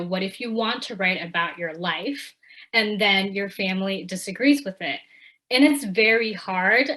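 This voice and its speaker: A woman's voice: mid-range voice, a bit bright, low-quality recording. A young adult woman from Ecuador, talking reflectively as an author guest in a casual interview. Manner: reflective, frequent fillers, quoting others animatedly.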